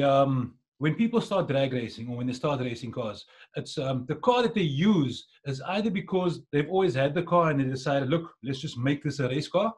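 A South African man hosts a casual podcast in a husky voice that sits a little high. He chats informally over a video call. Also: a little mellow. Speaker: podcast host. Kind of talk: casual interview chat. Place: dim indoor room, video call.

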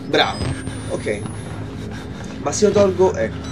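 A man's voice: on the high side, sing-song, slow pace, background noise. A young man, giving horror let's play commentary, muttering to himself, swearing and yelping in fright. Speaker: gaming channel host.

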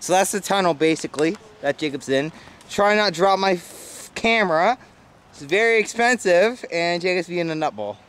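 A man's voice: high-pitched, animated, moderate pace, a bit bright, a little hiss or hum. Upset young man vlogging outdoors. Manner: upset, complaining, addresses viewers as guys. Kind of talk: casual vlog to camera. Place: outdoors at a park by water.

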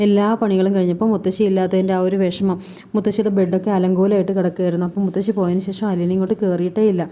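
A woman's voice: medium pitch, flat delivery, racing, dark tone. A woman vlogger casually retelling a TV serial episode in a chatty way, lightly acting out the characters' dialogue. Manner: chatty, keeps adding a tag word at line ends, acts out the dialogue lightly.

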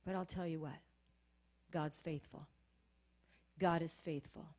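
Woman preacher, loud then hushed. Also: low voice, steady tone, slow pace. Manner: swings from loud, shouted exhortation to quiet, hushed storytelling. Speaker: pastor. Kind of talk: sermon.

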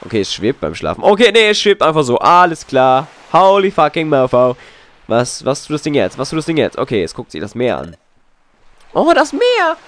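A young man with a sore, hoarse throat, giving jokey gaming commentary full of wordplay. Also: fairly high pitch, moderate pace. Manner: animated, jokey, slips into wordplay. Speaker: let's player.

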